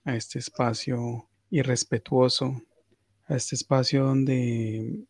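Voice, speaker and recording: A man's voice: mid-range voice, husky, dry recording. A man hosting a comedy podcast, ranting crudely with mock-pious asides. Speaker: podcast host.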